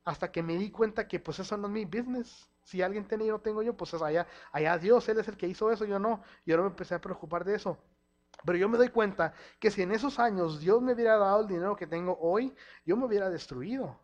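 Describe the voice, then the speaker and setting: A man from El Paso, Texas, preaching a sermon in a church hall. He talks in an animated way, acting out quoted speech and slipping in English words. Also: high voice, fast. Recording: dull lo-fi sound.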